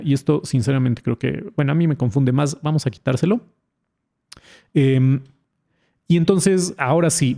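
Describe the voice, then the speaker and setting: Gravelly man tutoring physics. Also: on the high side, dark tone. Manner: casual, chatty explaining, talks to the viewer directly. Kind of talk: explaining a physics lesson over drawings.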